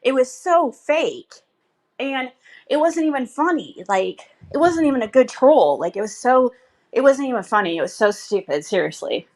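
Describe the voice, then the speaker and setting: Female livestreamer, slightly high voice, rambling and blunt, gossipy everyday talk. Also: animated, moderate pace. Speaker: livestreamer addressing viewers. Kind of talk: casual rambling livestream chat.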